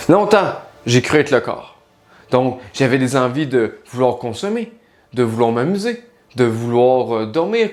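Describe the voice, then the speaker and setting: A man, a life coach and spiritual guide, speaking in a casual direct-to-camera monologue, talking straight to the listener and asking many rhetorical questions. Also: medium pitch.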